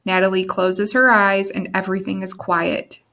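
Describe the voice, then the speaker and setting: A woman's voice: mid-range voice, normal speed, vocal fry, poor audio. Woman reading a picture book aloud. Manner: expressive, animated read-aloud. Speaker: storyteller. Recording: music under the reading.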